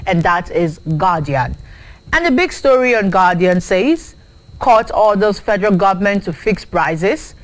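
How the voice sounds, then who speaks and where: A Nigerian woman hosting a morning newspaper review on air. She reads each headline and page number at a brisk clip. Now and then she drops in a short aside of her own. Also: medium pitch, poor audio. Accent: Nigerian English. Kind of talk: reading headlines and studio chat.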